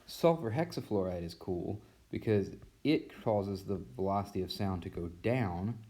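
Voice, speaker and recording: A man who teaches physics, giving a casual recorded mini-lesson in a relaxed, rambling way with many fillers. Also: low voice, normal speed. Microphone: tablet mic.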